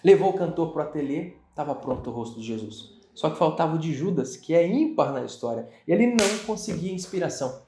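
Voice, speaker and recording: Animated Brazilian man in an echoey room. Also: a little high, a little fast, few pauses, slight background noise. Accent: Brazilian Portuguese. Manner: animated, dramatic retelling that acts out other people's lines. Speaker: interview guest, business owner. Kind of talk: motivational storytelling in an interview. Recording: echoey room with faint music.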